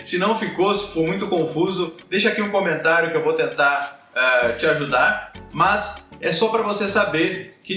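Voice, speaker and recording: Brazilian man, young, language teacher, repeats example words slowly, roomy echo, a bit off-mic. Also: on the high side, sharp tone, far from the mic. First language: Portuguese. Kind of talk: teaching pronunciation.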